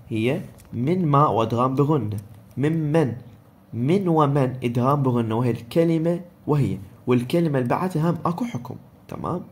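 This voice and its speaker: A man with an Iraqi Arabic accent gives a recorded lesson, walking through each rule in turn. He poses questions and answers them himself, at a middle pitch. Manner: explains step by step, asks and answers his own questions. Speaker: teacher. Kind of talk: recorded lesson on Quran recitation rules.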